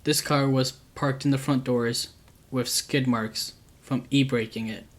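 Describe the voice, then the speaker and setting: A man who hosts a channel reads true scary stories aloud at a calm, unhurried pace. His pitch stays in an ordinary middle range and barely moves, so the telling sounds flat and even.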